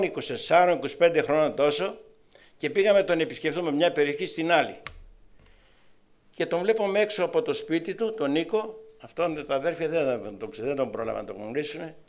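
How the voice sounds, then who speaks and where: Testimony stories fill this testimony sermon, preached by a man from Greece. His lively, animated storytelling alternates between loud and soft, with wide changes in pitch and loudness.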